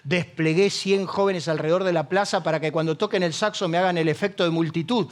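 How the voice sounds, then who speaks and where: A middle-aged Argentine pastor with a Rioplatense Spanish accent preaches a funny sermon packed with stories, putting questions to the congregation. His voice is slightly high and steady, and he talks briskly.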